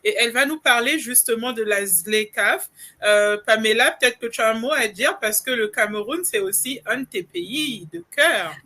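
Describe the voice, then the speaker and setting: Bright-voiced woman moderator. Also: a little high, moderate pace. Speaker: event moderator. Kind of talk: casual presenting to an audience.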